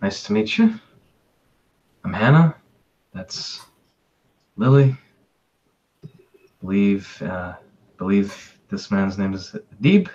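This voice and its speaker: A man's voice: fairly low pitch, sing-song, slow, long pauses, darkish tone, highs cut off, full character voice. A man voicing an earnest young woman adventurer who explains things in a somewhat hesitant way. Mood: explaining.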